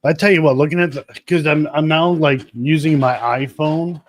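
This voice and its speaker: A man's voice: a little high, steady tone, normal speed. A man co-hosting a live stream, chatting casually in a rambling, joking way with some swearing. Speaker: podcast co-host.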